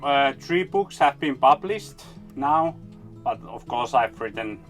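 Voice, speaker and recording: A man's voice: mid-range voice, expressive, slow. A man from Finland, a native Finnish speaker, talking casually in English as an interview guest. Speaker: interview guest, fiction writer. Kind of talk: casual conversation. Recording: guitar music in background.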